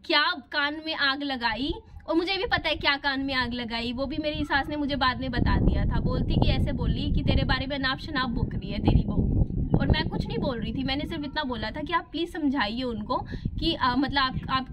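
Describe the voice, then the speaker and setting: A woman with a high, light voice tells her own story to the camera, candid and emotional. Her speech is casual and heartfelt. Clear background noise sits under her voice throughout. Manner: emotional, candid retelling of family conflict. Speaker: vlogger. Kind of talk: personal storytelling vlog.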